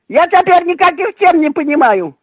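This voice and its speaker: High-voiced elderly woman on a phone line. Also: no echo. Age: older. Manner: puzzled, amused, polite. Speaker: call recipient. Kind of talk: phone conversation.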